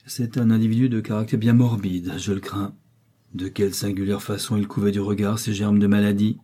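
A man's voice: on the low side, little pitch movement, a little fast, warm tone, natural voice. A man reading a storybook, voicing an eccentric old male scientist with a taste for rhetoric. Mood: pensive.

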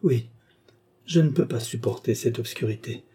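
Brief: a man doing a trembling, panicked noblewoman, husky voice, audiobook. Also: mid-range voice, moderate pace, warm tone. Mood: frightened. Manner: panicked, pleading. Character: terrified trembling young noblewoman.

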